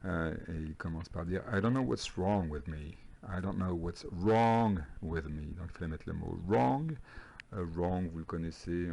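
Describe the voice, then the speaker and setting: Guy teaching english homework, real low voice, patient, says stuff over slowly. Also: creaky, a little mellow, a little hiss or hum. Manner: patient, repeats phrases slowly. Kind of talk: recorded homework lesson.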